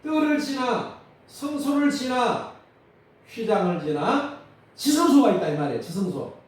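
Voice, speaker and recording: A male pastor with a Jeolla accent preaching a sermon, animated and calling out questions to his congregation. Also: extremely high pitch, a little slow. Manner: animated, calls for congregation responses. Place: church sanctuary. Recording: distant mic in echoey church hall.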